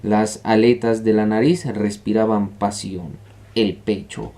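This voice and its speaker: A man voicing a boastful, fibbing male army officer in an audiobook, telling an anecdote in a lively way. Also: on the low side, takes it slowly.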